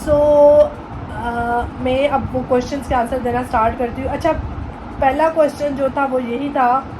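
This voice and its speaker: Over background noise, a vlogger in her twenties with a Pakistani accent talks in a high voice at a moderate pace and a steady tone. Her casual chatter blends English phrases with playful Punjabi.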